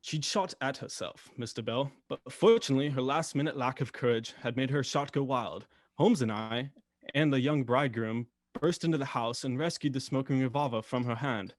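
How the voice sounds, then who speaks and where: A man acting in a radio drama as Doctor Watson, a blustering, kindly, indignant gentleman with old-fashioned turns of phrase. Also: medium pitch, normal speed, no echo, lightly acted. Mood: narrating, reflective.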